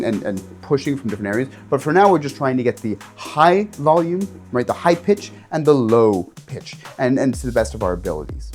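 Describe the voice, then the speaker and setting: A man, a game master, teaching tabletop players how to do voices in a casual instructional video, jumping his pitch up and down to demonstrate. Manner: animated, jumps pitch up and down to demonstrate.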